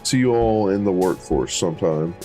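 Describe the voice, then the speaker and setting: A man's voice: low-pitched, moderate pace, dark tone, soft background music. A man hosting a let's play, reading a game's dialogue aloud with playful voices for each character and dropping casual asides. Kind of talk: reading game dialogue aloud while playing.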